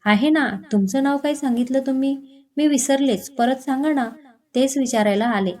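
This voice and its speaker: A woman's voice: sits high, moderate pace, warm tone, close to an everyday voice. A woman voicing a playful, childlike young woman who teases and forgets things, in a spoken storybook. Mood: teasing. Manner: teasing, giggly, scatterbrained.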